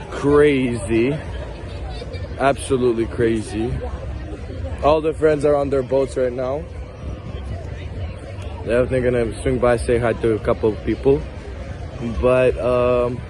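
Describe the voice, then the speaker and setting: A man from Russia, slightly hoarse and tired, talking casually to camera as he walks outdoors through busy streets. He is upbeat and rambling, and he swears casually. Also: mid-range voice, noisy background. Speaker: vlogger. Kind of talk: casual walk-and-talk vlog.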